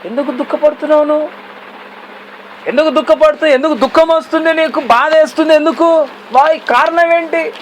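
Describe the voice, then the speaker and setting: A man's voice: extremely high pitch, normal speed, slight background noise, voice pushed up. A man voicing God as a caring male figure who presses his followers with repeated, pleading questions.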